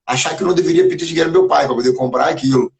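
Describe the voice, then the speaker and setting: Gravelly mineiro man telling stories. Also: medium pitch, racing. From Minas Gerais, Brazil. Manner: lively anecdotes, acts out remembered dialogue. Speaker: teacher, guest on a live stream. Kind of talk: casual storytelling in a live chat. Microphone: phone or computer on a video live stream.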